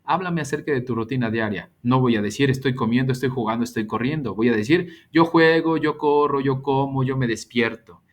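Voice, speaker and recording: A man teaching an English grammar lesson, patiently explaining and slowly repeating example sentences. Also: mid-range voice.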